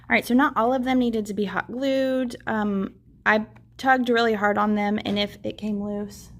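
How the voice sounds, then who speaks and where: A woman's voice: mid-range voice, fairly even intonation, moderate pace, a little hiss or hum. A young woman teacher in her twenties chatting casually while setting up her classroom, upbeat and full of fillers. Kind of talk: casual vlog narration.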